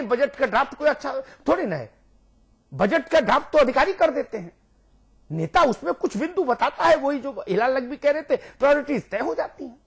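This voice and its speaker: On a TV news debate, a male guest with an extremely high, creaky voice argues heatedly. He is emphatic and rhetorical, repeating his points to drive them home.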